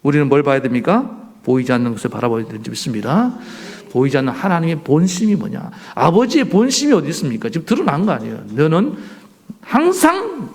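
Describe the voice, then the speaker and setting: Animated gravelly-voiced male pastor preaching. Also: mid-range voice, fast. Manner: animated preaching with rhetorical questions to the congregation. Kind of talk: sermon. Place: church sanctuary.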